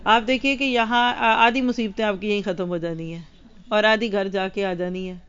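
A woman's voice: mid-range voice, steady tone, fairly bright tone, highs cut off. A woman religious teacher giving a lesson to women, speaking earnestly and addressing her listeners directly.

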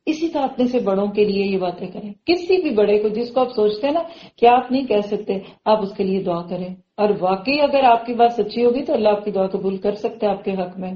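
A woman giving a religious lecture on the Quran, speaking gently and acting out the quoted lines. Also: mid-range voice, lively intonation. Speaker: Quran teacher. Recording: echoey, dull lo-fi sound.

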